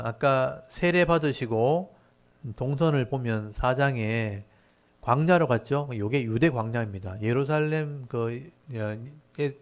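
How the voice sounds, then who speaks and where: A male pastor giving a Bible lecture sermon, explaining verse by verse and briefly acting out mocking townspeople. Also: mid-range voice. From South Korea.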